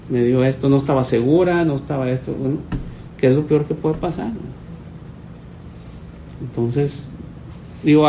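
A man, a pastor teaching his church in a relaxed, storytelling way. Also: a little high, slight background noise, rough recording. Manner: conversational, storytelling, voices quoted people.

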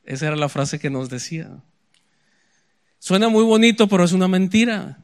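A man preaching a sermon in a conversational way, often tagging lines with "¿verdad?" and slowing down to read scripture aloud. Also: high voice, expressive. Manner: conversational, frequent "¿verdad?" asides; slows for dramatic scripture quotes.

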